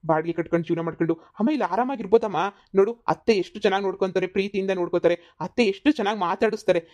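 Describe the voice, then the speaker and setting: A woman plays a young cartoon son who begs his mother to let him be. He speaks in a rushed, pleading stream of words at a very fast clip, in a middle pitch. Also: darkish tone, close to an everyday voice. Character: young adult son torn between mother and wife. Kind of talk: cartoon comedy voice acting.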